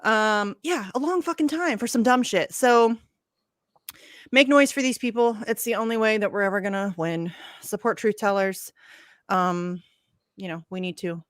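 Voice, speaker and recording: A woman's voice: medium pitch, normal speed, a bit bright, dry recording, clean studio sound. A young woman co-hosting a casual podcast, talking animatedly, laughing often and swearing freely. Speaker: podcast co-host. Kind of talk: casual chat.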